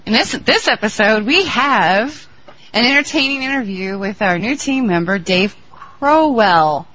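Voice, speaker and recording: A woman's voice: a little high, animated, measured pace, fairly bright tone. A woman co-hosting a podcast in casual, friendly chat. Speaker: podcast co-host. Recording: dull lo-fi podcast audio.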